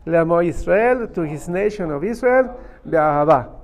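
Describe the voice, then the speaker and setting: High-voiced New man teaching. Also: lively intonation, moderate pace. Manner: emphatic, repeats and explains step by step. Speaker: rabbi teaching a Talmud class. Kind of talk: religious lesson, reading and translating a text phrase by phrase.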